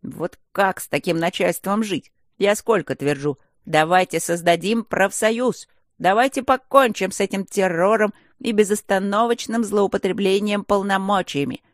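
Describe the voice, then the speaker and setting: A narrator voicing a chattering, cheeky female stone gargoyle in a fantasy audiobook, talking fast and mouthy. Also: medium pitch, no echo, clean studio sound, close to an everyday voice. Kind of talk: audiobook character voice.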